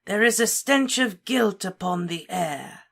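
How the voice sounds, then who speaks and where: Voldemort, a woman reading as a soft menacing dark lord. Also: mid-range voice, animated, gravelly, breathy edge, pitched above the performer's own voice, exaggerated voice. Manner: soft, menacing, slow and deliberate. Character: cold cruel male dark wizard lord.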